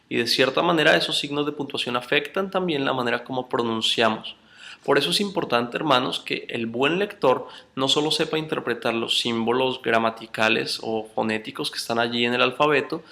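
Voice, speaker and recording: Gravelly-voiced man teaching a lesson. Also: mid-range voice, pushed and bright. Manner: addresses students as brothers, explains slowly with spoken examples. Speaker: course instructor. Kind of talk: recorded online lecture.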